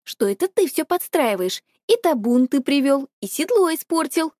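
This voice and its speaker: Teenage girl voiced by a woman, hot-tempered, shrill, high-pitched, dry close storybook reading. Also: very animated, moderate pace, a little mellow, dry recording.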